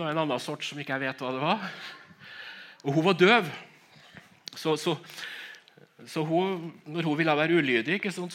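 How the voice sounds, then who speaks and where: A man's voice: on the high side, pushed and bright. A middle-aged man preaching and telling his own conversion story, with emotional storytelling, stammering restarts and frequent laughs. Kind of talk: sermon with personal testimony.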